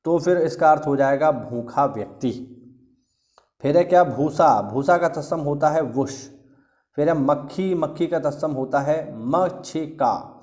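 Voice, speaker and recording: A man's voice: fairly high pitch, mellow. A man teaching an exam-preparation lesson. He repeats key words and often checks in with his students.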